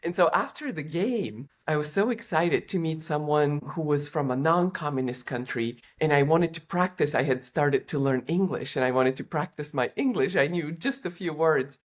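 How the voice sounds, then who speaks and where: A woman's voice: sits low, normal speed, few pauses. Earnest middle-aged Bulgarian-born woman. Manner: earnest, reflective storytelling. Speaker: guest, Olympian and executive coach. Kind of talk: interview storytelling.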